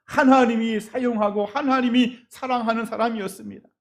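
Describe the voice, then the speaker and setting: A man preaching a sermon as pastor, telling folksy stories straight to his congregation and swinging from loud cries to quiet asides. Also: very high-pitched, steady tone, brisk. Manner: folksy storytelling, addresses the congregation directly.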